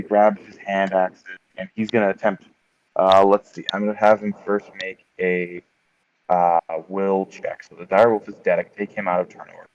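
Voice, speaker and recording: A man acting as game master, describing a tabletop combat in vivid, unhurried detail with frequent ums. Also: deep voice, highs cut off.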